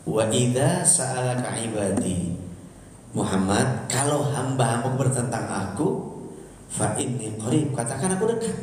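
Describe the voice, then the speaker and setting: Male preacher, playful and animated, recorded live in a very echoey mosque hall. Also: medium pitch, far from the mic, slight background noise. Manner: lively, jokey, acts out little scenes and asks the audience questions. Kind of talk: sermon to a live congregation. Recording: very echoey hall, faint ambience.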